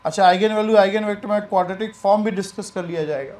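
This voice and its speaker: A man teaching maths in a relaxed, chatty way, mixing Hindi and English and repeating himself. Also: high-pitched, quick pace, roomy sound. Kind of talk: lecture.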